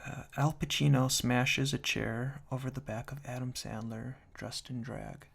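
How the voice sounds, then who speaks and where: A man whispers softly and close in binaural ASMR style, reading reviews and commenting with dry, tongue-in-cheek deadpan, a little slowly. His voice mixes a hushed, breathy whisper with a soft low murmur, captured on a binaural mic very near the ears with faint noise.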